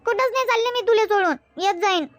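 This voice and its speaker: A woman's voice: extremely high pitch, quick pace, dry recording. A woman voicing a young bride-to-be daughter in a cartoon, pleading and earnest, with a Varhadi Marathi accent. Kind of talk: cartoon comedy voice acting.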